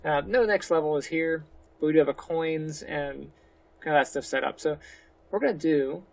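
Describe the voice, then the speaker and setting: A man hosting a casual step-by-step game development tutorial, speaking relaxed and a little slurred, walking through each step on a desktop mic. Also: a little high, normal speed, gravelly. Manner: relaxed, slightly slurred speech; talks through each step with fillers like "go ahead". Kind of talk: casual screen-recorded tutorial.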